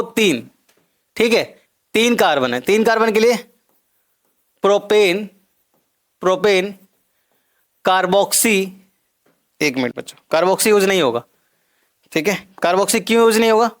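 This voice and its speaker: A male chemistry teacher with a notably high voice talks through a recorded lecture. He builds each point step by step, repeats the key terms and keeps checking that his students follow.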